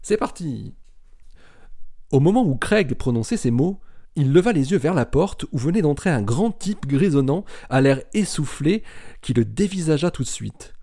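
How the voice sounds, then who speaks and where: A man reading a novel aloud in a steady, measured narration. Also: on the high side.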